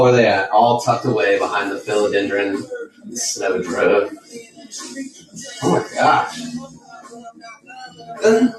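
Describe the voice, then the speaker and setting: A man hosting a casual live sales stream of plants, chatty and playful, laughing often and jumping up high when excited. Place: indoor room with plants. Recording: echoey room.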